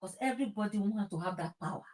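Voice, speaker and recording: With a mid-range, slightly mellow voice at a quick pace, a woman with a Nigerian accent hosts a talk show. She talks politics informally and passionately, emphasizing her opinions, repeating phrases and slipping into Pidgin.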